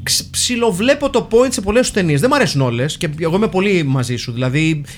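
A man, co-hosting a podcast in casual film chat, animated, slipping into English phrases and restarting his sentences. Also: high-pitched. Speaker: podcast co-host.

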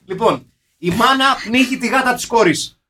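A man with a notably high speaking voice co-hosts a casual film chat. He praises things in a mock-serious, deadpan way that drips with sarcasm. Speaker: podcast co-host reviewing a film.

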